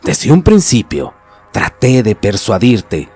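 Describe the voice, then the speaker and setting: A man's voice: on the low side, wildly swooping pitch, slow, a little mellow, breathy edge, soft background music, heavily acted. A man voicing a seasoned older male healer who speaks with earnest, fatherly resolve.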